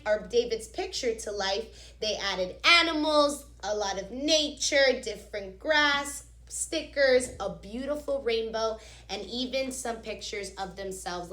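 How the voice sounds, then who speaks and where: Reading a children's story, a woman speaks in a fairly high voice with a heavy echo from the room. Her delivery is expressive and instructive, much like a teacher, and she steps outside the story to explain it to the children directly.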